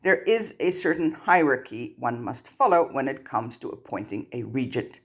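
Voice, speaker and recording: In a storybook, a narrator voices a stern male goblin account manager, formal and curt in a monotone. The delivery is at medium pitch and normal speed.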